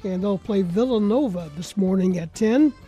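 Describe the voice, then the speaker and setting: A man hosting a sports radio talk show, with a loud, compressed broadcast delivery, briskly rattling off schedules and scores like an announcer from a studio microphone. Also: sits high, dull audio, faint music behind. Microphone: close studio microphone.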